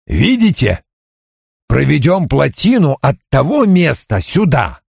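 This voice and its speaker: A man reading an audiobook, voicing a calm, persuasive old farmer father with a gravelly voice. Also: a little high, takes it slowly, dry recording, clean studio sound, full character voice.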